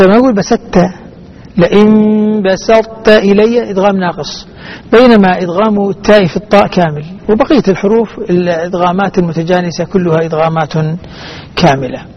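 A man speaking formal standard Arabic as host and teacher of a religious recitation programme, explaining in a didactic way, listing and repeating his points. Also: high voice. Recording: dull band-limited broadcast with faint noise.

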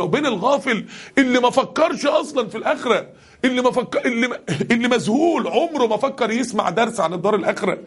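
A man with an Egyptian Arabic accent preaching a passionate sermon to a congregation, his voice climbing to shouts on the key lines. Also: sits high, husky. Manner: impassioned, rising to shouts on key verses.

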